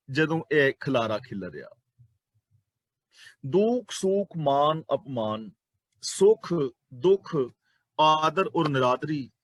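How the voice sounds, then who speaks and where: A man with a Punjabi accent gives a sermon on scripture, his voice sitting somewhat high for a man. He explains patiently, repeating key words and asking rhetorical questions of his listeners. The sound is dry and close, with little room echo. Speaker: Sikh preacher explaining scripture.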